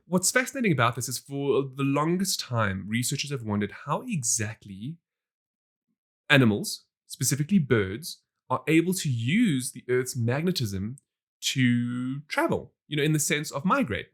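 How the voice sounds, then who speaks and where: A man co-hosting a podcast in casual chat, animated, laughing often and restarting his sentences. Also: mid-range voice, moderate pace. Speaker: podcast co-host.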